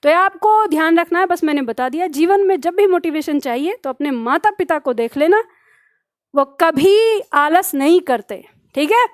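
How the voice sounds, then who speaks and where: A woman's voice: very high voice, expressive, moderate pace, no room sound, clean studio sound. A woman teacher giving an earnest motivational talk to her students, now and then acting out a scolding inner voice.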